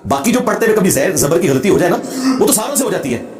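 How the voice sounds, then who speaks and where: Quick, high-voiced emphatic male preacher. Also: big pitch swings, a little mellow, roomy sound. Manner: emphatic and combative, demonstrates Arabic recitation. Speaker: religious speaker. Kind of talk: lecture answering a question.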